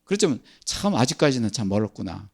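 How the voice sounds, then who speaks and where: A man's voice: medium pitch, very animated, fast, creaky. An older man preaching a sermon as pastor, asking and answering his own questions.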